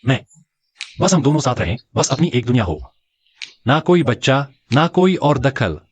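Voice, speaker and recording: An actor playing a poor, sensitive young male writer in a dubbed short drama, expressive and earnest. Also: medium pitch, moderate pace, husky. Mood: gentle.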